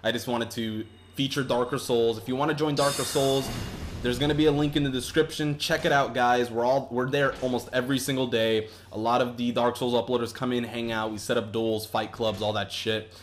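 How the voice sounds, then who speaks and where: Speaking briskly at medium pitch with fairly even intonation, a young gaming YouTuber gives loose, rambling commentary on his play. He swears constantly and keeps restarting what he says, with slight background noise.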